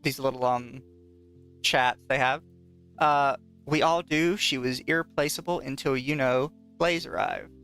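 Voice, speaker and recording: Soft music runs beneath this casual podcast, where a male co-host speaks unhurriedly in a smooth, medium-pitched voice with fairly even intonation. He frequently reads aloud, mocking and cursing and quick to laugh.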